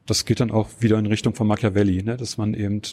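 A man answering interview questions, explaining at length and pausing often with fillers and tag questions. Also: fairly low pitch, flat delivery, a little mellow, dry recording. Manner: hesitant, many filler sounds and tag questions. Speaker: interview guest.

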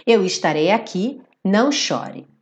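A woman with a Portuguese first language teaches an English lesson live, and her voice moves through a wide, animated pitch range. She explains each point patiently and keeps asking her viewers whether they follow. When she reads English song lines, she slows right down. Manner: explanatory, checks in with "certo?" and "tá bem?"; reads English lyrics slowly and deliberately. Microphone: computer setup with phone beside.

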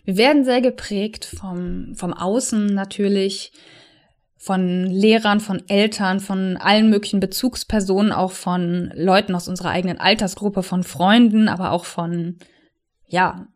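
Woman coach musing out loud, soft earnest voice, slows down on the important bits. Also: medium pitch, fairly even intonation. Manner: soft, earnest, slows down to stress key words. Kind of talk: personal reflective monologue addressed to listener.

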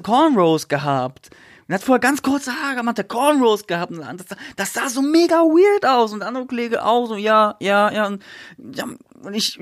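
A young man with a notably high voice rambles through an anecdote in casual slang, stumbling over his words and restarting. The recording is dry and close, with no room sound. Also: dry recording. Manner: rambling, animated storytelling with slang and many restarts. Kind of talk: casual chat.

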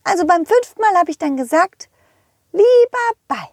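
A woman's voice: normal speed, dry recording. A woman voicing a playful, teasing female pink horse in a children's audio story. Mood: chatty. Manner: teasing, giggly, high and excited.

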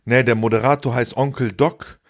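Over what sounds like a remote call, a young podcast co-host with a steady, mid-range voice shares anecdotes at normal speed. He mimics how other people talk and cracks himself up with his own jokes.

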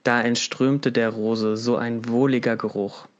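A man voicing a slow, calm and contemplative snail in a read-aloud fable, speaking gently and without hurry. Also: mid-range voice, dull audio, lightly acted. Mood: serene.

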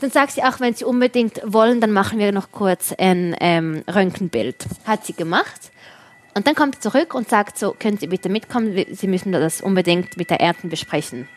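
A young woman telling a personal story in casual chat, lively and animated, quickly voicing the people in it. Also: fairly low pitch. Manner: animated storytelling, voices others in quick asides. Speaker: storyteller in a conversation.

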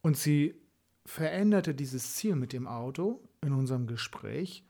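Mellow, husky-voiced man telling a story. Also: medium pitch, unhurried. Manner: storytelling, quotes his client in lively asides. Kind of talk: casual conversation.

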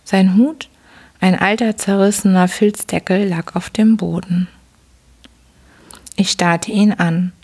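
A woman hosting a sleep podcast, reading a bedtime story aloud in a soft, slow, whispery voice. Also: medium pitch, steady tone, husky.

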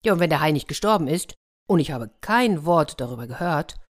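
Storyteller, woman, low-pitched voice, expressive children's story reading. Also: fairly quick. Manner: lively, expressive storybook narration.

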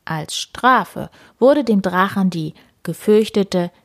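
Slow, dry-voiced woman reading a children's story. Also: mid-range voice, animated, no room sound. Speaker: narrator.

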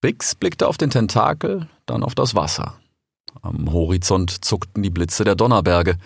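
A man reading a storybook as the narrator, calm and even. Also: low voice, normal speed, vocal fry, breathy edge, no room sound, clean studio sound. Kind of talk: scripted audiobook narration.

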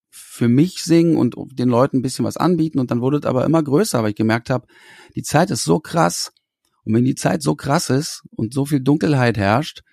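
Man with a gravelly voice, musician guest, animated, frequent restarts, dry close sound. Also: mid-range voice, dry recording. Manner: animated, searching for words with restarts. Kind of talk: conversational interview answers.

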